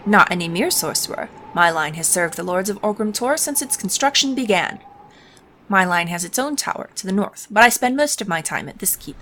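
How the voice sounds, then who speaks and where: A woman's voice: medium pitch, animated, brisk, sharp tone, a little hiss or hum. A woman voicing a pompous male wizard advisor from a game, with solemn, theatrical, hammy stage delivery, falsely subservient. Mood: proud, servile. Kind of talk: video game dialogue read-aloud.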